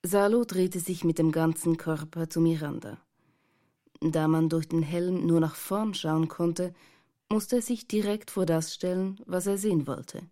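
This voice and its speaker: Calm, mellow-voiced woman narrator. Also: fairly low pitch, measured pace. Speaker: audiobook narrator. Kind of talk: scripted narration.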